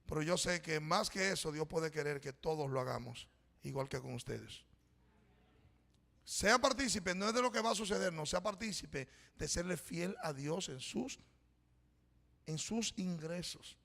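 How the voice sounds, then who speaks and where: A man's voice: a little high, animated, moderate pace, creaky, long pauses, fairly bright tone. A middle-aged man preaching a sermon as a pastor, telling a personal story in a conversational way and calling the congregation brothers. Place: church. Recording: reverberant church hall.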